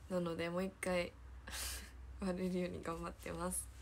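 A teenage idol trainee from Hyogo, Japan, chats casually on her livestream in a Kansai accent, giggling often and repeating her own phrases as she reads viewer comments. Her voice sits on the low side, with a monotone delivery, vocal fry, and normal pacing. There's slight background noise.

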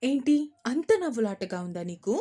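A woman's voice: fairly high pitch, animated, normal speed, warm tone. A woman voicing a strict young mother who scolds and stammers when caught out, in an audio story.

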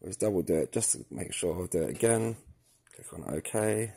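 Sitting low in pitch, this creaky, mellow, husky voice is animated and delivered at normal speed. The speaker, a product tutorial presenter at an indoor work table, films his hands and the device while thinking aloud through a casual walkthrough.

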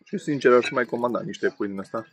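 With a husky, mid-range voice and soft background music, a food vlogger from Romania, in his thirties, eats and chats casually about the food. He's relaxed and talkative with frequent fillers, filmed by a camera on the table in front of him at an outdoor spot beside a main road, where faint road noise, passing cars and outdoor ambience can be heard.

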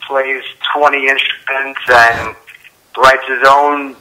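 A man heard over a tinny speakerphone line, his voice very bright and sharp. He rambles easily, leaning on "you know" and "uh" as he goes. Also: medium pitch, takes it slowly, a little hiss or hum. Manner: relaxed, rambling, lots of fillers. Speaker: caller. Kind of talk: casual phone chat.

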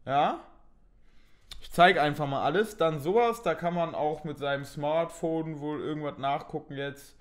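A young man talks casually through an unboxing, thinking aloud and poking fun at himself now and then. His voice sits a bit high for a man. The delivery is loose and conversational. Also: a bit bright. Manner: chatty, thinks aloud, mildly self-mocking. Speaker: unboxing video host.

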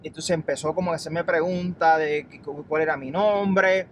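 Animated Puerto Rican man telling a story. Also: fairly high pitch, moderate pace. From Puerto Rico. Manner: animated, calls the listener papi, acts out quotes. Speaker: guest, chef. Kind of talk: casual storytelling. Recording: noisy background.

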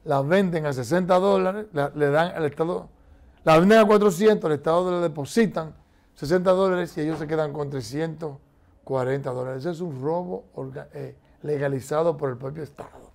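A man's voice: a little high, moderate pace, vocal fry. A middle-aged man arguing emphatically as a political commentator in a TV studio debate, talking with his hands. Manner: emphatic, animated, gestures a lot while talking.

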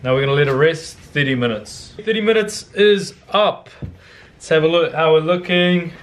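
A man's voice: fairly high pitch, moderate pace. A young man casually talking through a bread recipe in his home kitchen, laid-back and slangy, picked up by the camera mic. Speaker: cooking vlogger. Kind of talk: casual cooking demonstration.

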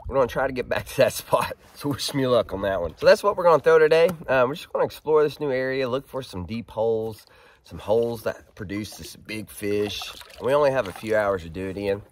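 An Arkansas fishing vlogger in his thirties, hoarse and froggy from a head cold, chats upbeat from his kayak on a creek, getting excited as he reels fish in. His mid-range voice moves fairly quickly, recorded by an action camera on a pole mount.

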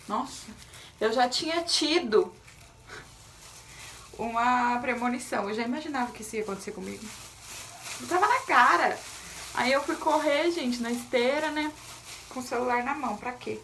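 A fairly high-voiced woman with a Brazilian accent talks straight to her viewers, chatty and openly nervous. She records at home on a phone propped up nearby, and a faint hum of ambience sits under her voice. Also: a bit bright. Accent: Brazilian Portuguese. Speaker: vlogger. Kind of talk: casual vlog chat to camera. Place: home, bathroom area. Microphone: phone camera set down nearby.

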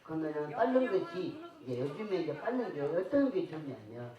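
A woman's voice: low-pitched, big pitch swings, moderate pace, far from the mic, muffled recording, crowd noise. A woman performing as a street entertainer, joking and teasing her audience in playful stage banter at an outdoor festival. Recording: echoey PA sound from afar over music.

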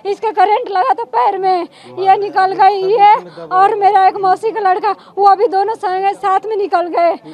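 A woman in her twenties, a survivor, giving a distressed, halting account to a reporter outdoors. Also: extremely high pitch, steady tone, muffled recording. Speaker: survivor interviewed. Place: outdoors in a crowded lane. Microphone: handheld news mics.

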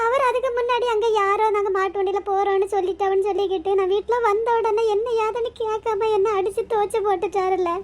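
A voice actor voicing a hurt, tired village mother in a cartoon, talking softly to her children. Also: extremely high pitch, steady tone, fast, hardly any pauses. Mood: telling, hurt. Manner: soft, tired, reassuring. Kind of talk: cartoon voice acting.

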